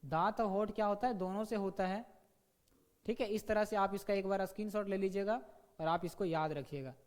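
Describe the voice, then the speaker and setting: A man teaching an online grammar lesson who demonstrates sounds slowly and keeps checking in with students. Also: sits high, steady tone. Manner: repeats "ठीक है" and asks students questions. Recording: long reverb.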